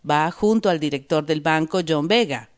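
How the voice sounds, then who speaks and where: A woman teacher reading a word list and a story aloud in a clear, deliberate way for learners. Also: low voice. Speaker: language teacher. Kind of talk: slow scripted narration for learners.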